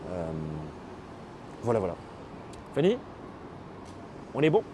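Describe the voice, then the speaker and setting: A man hosting a live stream, explaining things casually and pausing often on fillers as he reads and answers chat. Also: mid-range voice, wildly swooping pitch, noisy background. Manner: explanatory, hesitant, with many fillers. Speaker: livestream host.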